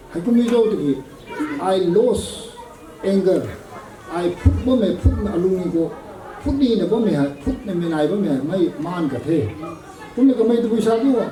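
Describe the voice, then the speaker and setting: A man preaching a sermon at a prayer meeting, measured and slow, with English words slipped in. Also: high-pitched, expressive, dark tone, a faint crowd. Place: prayer gathering hall. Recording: echoey hall, voice from a distance.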